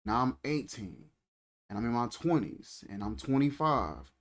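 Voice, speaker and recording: A man's voice: medium pitch, big pitch swings, a little slow. A man in his thirties giving a reflective, conversational faith talk, repeating phrases and speaking in a loose, colloquial way. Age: 30s. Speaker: faith channel host.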